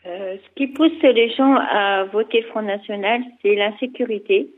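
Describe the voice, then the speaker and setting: A woman's voice: medium pitch, normal speed. Woman in her fifties on a phone line. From Portugal (parents). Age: 50s. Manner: hesitant, many fillers, earnest. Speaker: caller, retired social mediator. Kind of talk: radio phone interview.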